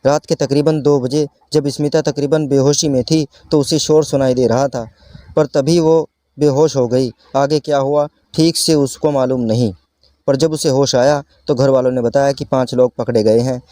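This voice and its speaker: A man narrating a scripted story in a calm, even storytelling manner, as the channel's storyteller. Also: medium pitch, moderate pace, dry recording. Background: faint background music.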